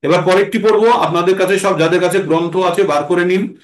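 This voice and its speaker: A man teaching a class how to pronounce and chant Sanskrit verses, reciting slowly and then explaining. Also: high-pitched, steady tone, echoey room. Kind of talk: patient recitation lesson.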